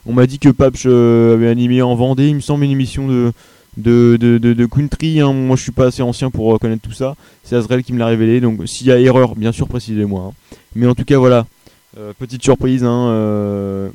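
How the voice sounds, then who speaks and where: A man's voice: mid-range voice, fairly even intonation, brisk, warm tone, clean tone, dry recording. A young man from the Paris area with a French accent, hosting a live web radio show in a loose, hesitant chat full of fillers and restarts. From Paris region, France.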